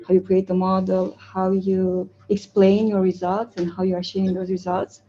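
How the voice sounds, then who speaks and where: A woman's voice: medium pitch, monotone, normal speed, warm tone, lo-fi sound. A young woman from Romania giving a casual talk at a community meetup, hesitant with many fillers and frequent laughs, recorded from a far camera in a large indoor room. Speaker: community speaker.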